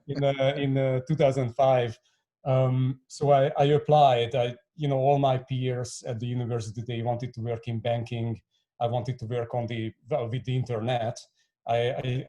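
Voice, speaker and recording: Hungarian-born man in his forties, mellow. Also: medium pitch. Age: 40s. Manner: many restarts and fillers, stammering repeats. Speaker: guest, fintech co-founder. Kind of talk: podcast interview.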